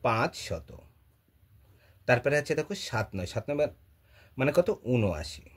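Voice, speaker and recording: A man's voice: mid-range voice, sing-song, moderate pace, slightly rough. A male math teacher explaining a lesson at a board, asking questions and answering them himself, with a Bengali accent. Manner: asks and answers his own questions; repeats phrases while writing.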